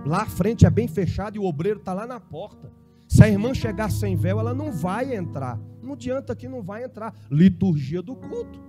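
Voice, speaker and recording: Impassioned male preacher, high and lively. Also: a little fast, soft background music. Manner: impassioned, swings from soft mocking impressions to shouting. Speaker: bishop preaching. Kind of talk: sermon.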